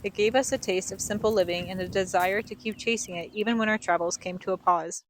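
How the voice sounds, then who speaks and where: A woman's voice: mid-range voice, quick pace, slight background noise, low-quality recording. A young woman reading a scripted vlog voice-over in a reflective, earnest storytelling manner. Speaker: family vlogger, co-host.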